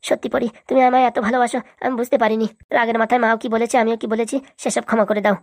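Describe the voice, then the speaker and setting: A woman's voice: fairly high pitch, level tone, very fast, voice pushed up, natural voice. A woman voicing a young husband earnestly begging his wife's forgiveness in a cartoon. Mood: apologetic. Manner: pleading, earnest. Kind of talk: cartoon voice acting.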